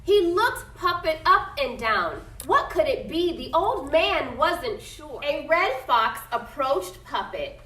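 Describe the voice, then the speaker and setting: A very animated woman teacher reads a picture book to her class in a high-pitched, bright, forceful voice, slow-paced yet with hardly any pauses. She often stops to ask questions and checks understanding with "okay?". This read-aloud lesson was recorded from far off in an echoey classroom.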